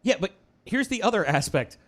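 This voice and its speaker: A man co-hosting a casual live-stream podcast, joking and laughing along as the match goes on. His voice is high and bounces around a great deal, quick to laugh. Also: sing-song, a bit bright. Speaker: podcast co-host. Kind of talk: casual live-stream chat watching wrestling.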